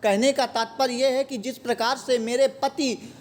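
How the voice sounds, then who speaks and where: A man's voice: very high voice, steady tone, moderate pace, a little hiss or hum. A man explaining a poem line by line, asking his own questions and answering them. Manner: repeats words and asks questions then answers them himself. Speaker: Hindi teacher.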